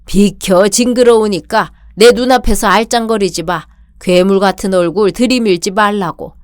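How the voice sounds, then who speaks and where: A woman's voice: medium pitch, moderate pace, clear, resonant tone, dry recording, clean studio sound, lightly acted. A woman reading the part of a domineering older father-in-law in a radio drama, barking insults and orders. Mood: contemptuous.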